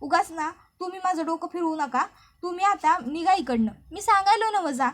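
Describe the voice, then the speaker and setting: A woman's voice: very high-pitched, normal speed. A woman voicing a stubborn village woman who scolds bluntly in a rural dialect. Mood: scolding. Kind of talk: recap narration with read-out dialogue.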